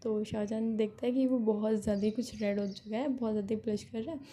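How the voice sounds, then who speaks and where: A woman's voice: on the high side, steady tone, quick pace, mellow, a little hiss or hum. A woman casually retelling a fan fiction story, chatty, often correcting herself mid-sentence. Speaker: narrator.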